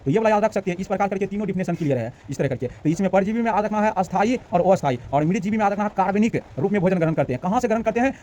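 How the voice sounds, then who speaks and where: A man's voice: sits high, dark tone. A young man teaching a lesson casually, repeating points, asking and answering his own questions. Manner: reads English very slowly and haltingly. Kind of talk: casual Hindi lecture with slow English read-aloud.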